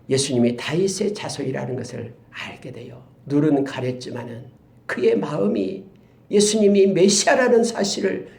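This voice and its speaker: Dramatic gravelly-voiced male pastor. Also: fairly high pitch. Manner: dramatic, swings from loud exclamations to hushed whispers. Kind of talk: sermon. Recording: roomy echo.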